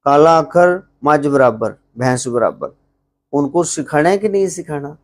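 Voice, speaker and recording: A man with a Punjabi accent teaching English to a live gathering in a relaxed, joking way. He asks the class questions, answers them himself, and slows right down to spell out English phrases. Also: fairly high pitch.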